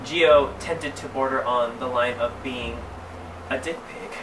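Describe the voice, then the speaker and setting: In a sassy drag queen style, a man reads a story aloud for laughs, stretching words theatrically and dropping in casual, mock-scandalized asides. His medium-pitched voice stays steady and a little slow. The mic sits far from him in a roomy space with clearly noisy surroundings.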